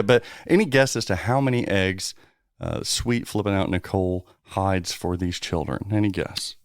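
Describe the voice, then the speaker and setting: A middle-aged man co-hosting a casual podcast chat, joking and breaking into loud, high exclamations. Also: no echo, clean studio sound. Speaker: podcast co-host.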